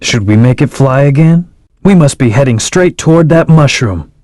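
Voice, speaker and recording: A man's voice: medium pitch, expressive, normal speed, warm tone, no echo, studio quality, natural voice. An actor playing a brooding young male hedgehog, a cool, proud antihero who speaks in terse, self-assured commands. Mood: calm, commanding. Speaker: video game character. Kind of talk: studio game voice acting.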